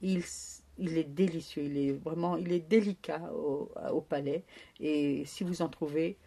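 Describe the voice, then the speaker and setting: A woman presenting food to viewers in a chatty, lively way, with frequent hesitations and restarts. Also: sits low, unhurried, vocal fry, husky. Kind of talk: casual culinary explanation to viewers.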